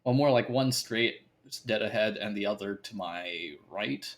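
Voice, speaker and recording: A man chatting casually on a live stream, relaxed and laughing often, speaking into a home desk mic. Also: on the low side, unhurried. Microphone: home desk mic, moved away.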